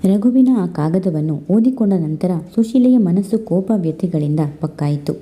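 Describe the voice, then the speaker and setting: A woman narrating a literary love story in a steady, expressive reading voice. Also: fairly low pitch, normal speed.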